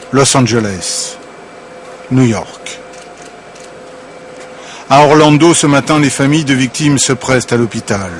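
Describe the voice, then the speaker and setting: Homme, reportage télévisé grave. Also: male voice, medium pitch, a little hiss or hum. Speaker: news reporter. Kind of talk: scripted news narration.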